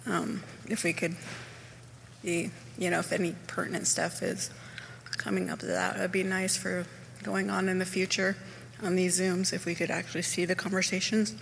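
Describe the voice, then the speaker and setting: Blunt woman from Hoopa at a meeting mic, gravelly, reverberant hall. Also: fairly low pitch, level tone, normal speed, slight background noise. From Hoopa, Northern California. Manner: earnest, rambling, blunt. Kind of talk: public comment at a meeting.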